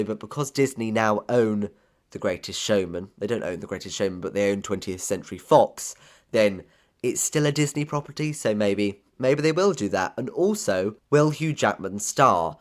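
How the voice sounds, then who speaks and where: A young man with a slight lisp hosting a casual theatre news show, chatty and opinionated with self-deprecating asides. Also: fairly low pitch. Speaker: theatre news podcast host. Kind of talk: casual solo news chat.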